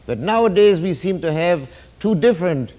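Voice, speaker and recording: A man giving a lecture in a halting, philosophical way, full of restarts and emphatic turns. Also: high-pitched, lively intonation, warm tone. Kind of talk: university lecture.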